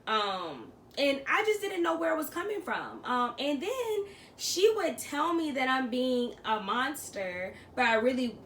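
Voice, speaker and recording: A lively woman on the higher side chats casually, laughing as she tells her own story. She sits a bit off the mic in an echoey room with faint noise behind her. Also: a little slow, far from the mic. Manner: laughs often, animated storytelling. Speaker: co-host of a couple's vlog. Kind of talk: casual chat.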